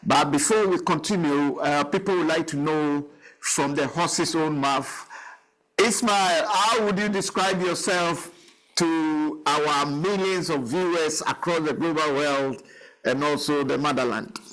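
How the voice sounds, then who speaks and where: A man's voice: on the high side, a little slow, fairly bright tone, poor audio. A man hosting a television talk show, interviewing a guest in a rambling, chatty way with frequent laughs. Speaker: TV show host.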